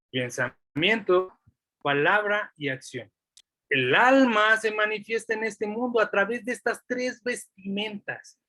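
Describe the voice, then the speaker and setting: A man's voice: sits high, sharp tone, no room sound. A man from Mexico City with a Mexico City Spanish accent, lecturing in an online class and explaining with rhetorical questions.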